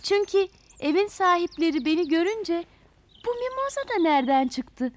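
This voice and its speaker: A woman's voice: very high voice, expressive, normal speed. A woman voicing a small nameless seed that grows into a flower, in a children's storybook reading, with a whiny, complaining manner. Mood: cheerful. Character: nameless young seed, sulky then cheerful flower.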